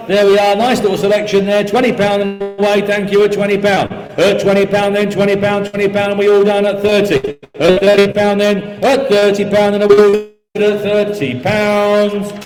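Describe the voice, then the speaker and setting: A man's voice: high voice, level tone, moderate pace, a little mellow. A man calling a live auction, chanting and repeating bids and figures as auctioneer. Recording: echoey hall sound with music behind.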